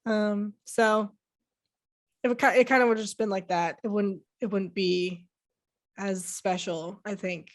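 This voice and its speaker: A woman's voice: medium pitch, steady tone, a little slow. A young woman co-hosting a film podcast in casual chat, rambling with many fillers and restarts. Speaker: podcast co-host.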